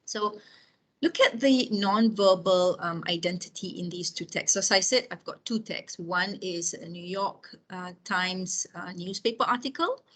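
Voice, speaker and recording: A woman in her fifties, her voice lowish, unhurried, and fairly bright, gives an informal lecture. She weaves in personal anecdotes, speaks in a conversational way, and checks in with her listeners often.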